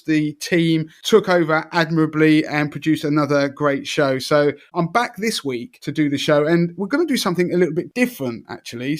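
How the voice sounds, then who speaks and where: Higher-voiced man explaining finance. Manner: conversational, explanatory. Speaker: podcast host, personal finance expert. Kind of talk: casual podcast chat.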